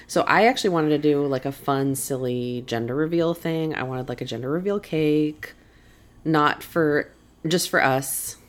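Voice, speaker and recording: A young woman co-hosting a podcast in casual chat, relaxed and laughing often. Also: deep voice, moderate pace. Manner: relaxed, laughs often, soft murmured agreements. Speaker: podcast co-host.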